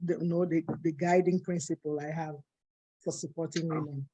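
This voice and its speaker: A woman's voice: low voice, steady tone, normal speed, warm tone, breathy edge. A woman from Cameroon, speaking earnestly and emphatically as a co-host in a panel discussion.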